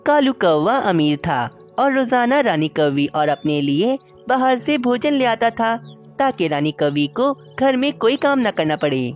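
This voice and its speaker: A woman narrating a cartoon story in a lively storybook manner. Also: on the high side, measured pace, highs cut off, soft background music.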